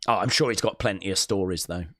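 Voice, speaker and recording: Streaming a wrestling watch-along live, a man chats casually about the show, reads chat messages aloud, and uses lots of "uh" fillers. His voice sits low with a fairly bright tone, and he talks at a quick pace. It's a studio-quality recording with no room sound.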